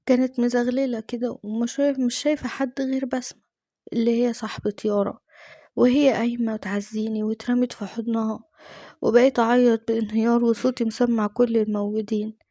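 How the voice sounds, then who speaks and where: Egyptian woman reading a dramatic true story, rapid and emotional, mellow tone, dry close mic. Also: fairly high pitch, no echo. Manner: emotional, fast-flowing. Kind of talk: first-person dramatic story narration.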